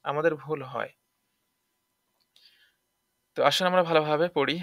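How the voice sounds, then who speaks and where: Bright, crisp-voiced man teaching Quran recitation. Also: medium pitch, no echo, studio quality. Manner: breaks words into letters and sounds, drawn-out recitation, asks the listener questions. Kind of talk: tajweed lesson, spelling out and reciting.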